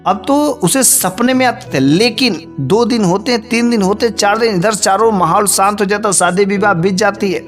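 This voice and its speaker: High-voiced man telling a moral tale. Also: faint music behind. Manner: plain, unhurried telling with frequent filler phrases. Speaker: storyteller. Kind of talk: devotional moral story narration.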